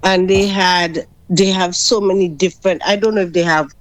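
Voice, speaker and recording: A woman's voice: on the low side, fairly even intonation, normal speed, no echo. A woman calling into a radio talk show over a clipped phone line, rambling and hesitant with many fillers and restarts. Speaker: radio call-in caller. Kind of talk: casual call-in chat. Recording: phone line, slightly distant.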